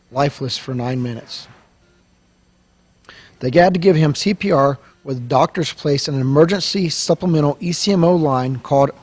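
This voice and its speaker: A man, owner of a service company and host, reading a letter aloud and talking on a radio show in an earnest, halting way with many restarts. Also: on the high side, a little mellow, husky.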